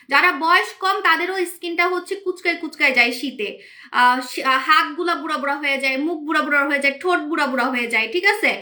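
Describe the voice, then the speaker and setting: A woman hosting a live-stream sales pitch for beauty products, hyped and repetitive, answering viewer comments as she goes. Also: pushed and bright. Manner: repetitive, hyped, keeps saying "okay". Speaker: online shop host selling beauty products.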